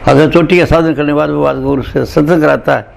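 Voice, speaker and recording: A man from India, serving as a spiritual teacher, gives a morning satsang sermon in a fast, gravelly voice that is on the high side and steady in tone. He talks conversationally, addresses his listeners directly, and weaves in recited verses.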